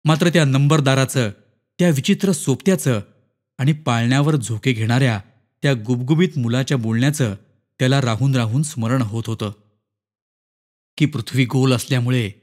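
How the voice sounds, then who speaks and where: A man narrating a short story in an expressive, dramatic reading. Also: mid-range voice, normal speed. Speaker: story reader. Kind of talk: scripted narration.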